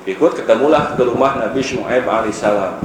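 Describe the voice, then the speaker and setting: Joking preacher in an echoey mosque. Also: male voice, medium pitch, brisk. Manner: joking storyteller who often addresses his listeners directly; acts out the dialogue of the people in his story. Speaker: Islamic preacher. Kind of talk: informal mosque sermon. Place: mosque, after dawn prayer. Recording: roomy mosque echo with faint noise.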